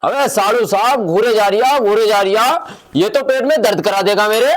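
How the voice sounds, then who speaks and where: A man's voice: sits high, normal speed. A man playing a foul-mouthed, boastful uncle who teases crudely. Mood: mocking. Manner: mocking, crude, theatrical scolding. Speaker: comedy sketch actor.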